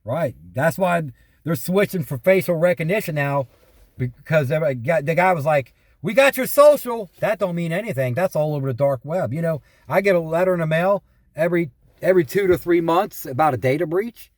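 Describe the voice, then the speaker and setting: A man with a slightly high, expressive voice talks a little fast, with no room sound. He's a caller reporting identity theft and scam calls, chatting casually and telling exasperated anecdotes, repeating himself and quoting past exchanges as he complains.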